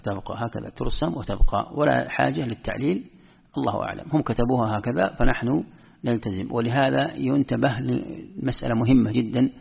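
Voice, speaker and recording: A man's voice: mid-range voice, creaky, breathy edge. A man giving a patient spoken lesson as an Islamic scholar, repeating key words as he explains. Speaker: Islamic scholar teaching Quran script rules. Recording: tinny phone-like audio in a reverberant hall.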